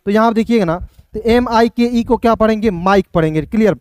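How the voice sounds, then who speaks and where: A man's voice: high voice, fairly even intonation, fast talker, a little mellow, dry recording. A man teaching English reading in a lesson video, spelling out words letter by letter and addressing viewers as friends. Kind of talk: classroom-style lesson for video.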